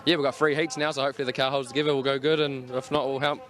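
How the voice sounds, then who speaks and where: Fast-talking man with broad Kiwi accent. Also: medium pitch, little pitch movement, fairly bright tone. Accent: New Zealand. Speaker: race driver being interviewed. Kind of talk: casual interview chat. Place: outdoors in speedway pits.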